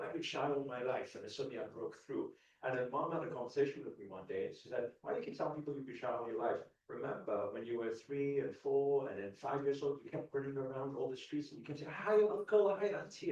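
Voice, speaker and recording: The young British motivational speaker's medium-pitched, darkish voice comes through lo-fi sound from a distant mic in a large, echoey event hall. Giving a live stage talk, he earnestly asks the audience questions and keeps restarting his sentences.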